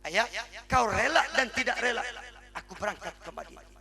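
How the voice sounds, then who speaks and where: A man's voice: high voice, animated, a little fast, gravelly. A man doing a tearful, tender young mother. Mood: pleading. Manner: tender, soothing, repeating gently. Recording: sermon with loud music behind.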